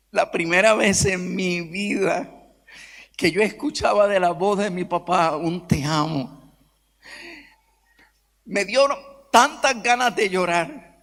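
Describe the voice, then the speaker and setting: A man's voice: high-pitched, unhurried, fairly bright tone. A male pastor telling a personal story in a sermon, in a dramatic way and acting out the dialogue. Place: large church auditorium. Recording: long church auditorium reverb.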